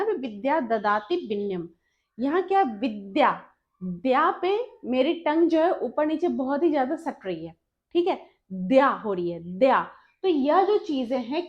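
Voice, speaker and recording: A young woman teaching an exam-prep lesson, explaining step by step and repeating key terms, mixing English words into her talk. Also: high voice. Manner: mixes English terms into Hindi. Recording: slightly dull lo-fi recording.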